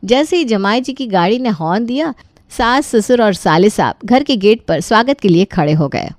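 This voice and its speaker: A woman's voice: medium pitch, lively intonation, moderate pace, dry recording, studio quality. Chatty woman narrating a cartoon story. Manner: chatty, addressing listeners. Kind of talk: scripted narration.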